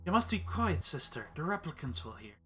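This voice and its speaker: A man voicing a gentle, caring female android twin who fusses over her sister, soothing but firm. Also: on the high side, sing-song, a little fast, over music. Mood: caring, scolding.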